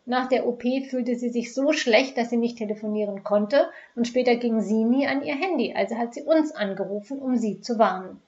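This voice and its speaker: A woman voicing a big, calm male police inspector who explains things reassuringly. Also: fairly high pitch, moderate pace, few pauses, highs cut off, close to an everyday voice.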